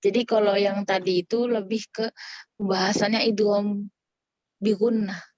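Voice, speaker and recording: A woman's voice: mid-range voice, little pitch movement, moderate pace, darkish tone, dry recording, highs cut off. A woman teaching a casual online Quran recitation lesson. She explains in a chatty way and keeps checking whether her students follow along.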